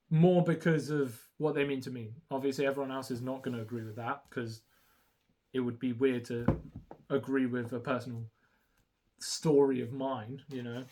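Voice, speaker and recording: Showing a haul on YouTube, a young man whose native language is Romanian talks casually but hesitantly, stumbling into lots of ums and restarts. He speaks at a medium pitch and normal speed with a steady tone, and background noise is audible.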